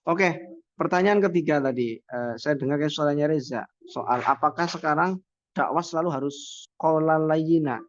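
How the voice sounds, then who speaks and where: A man's voice: on the high side, normal speed, no echo. A man giving a university lecture, talking conversationally and posing rhetorical questions he then answers. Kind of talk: classroom lecture. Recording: dull, dry lo-fi sound.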